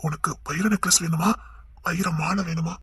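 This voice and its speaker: Brief: woman playing a sly older man for an audio drama, wheedling, very husky, dry close sound. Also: on the low side, fairly even intonation, moderate pace, a bit bright, no echo. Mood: coaxing. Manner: coaxing, wheedling, stammering. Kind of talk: Tamil audio drama acting.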